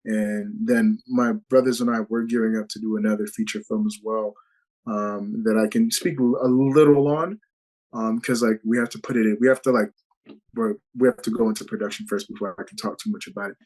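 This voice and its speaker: A man's voice: fairly low pitch, steady tone, a little fast, a little mellow, low-quality recording. A man being interviewed as an actor over a video call, talking in an earnest, reflective way with many "you know" fillers. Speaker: actor guest.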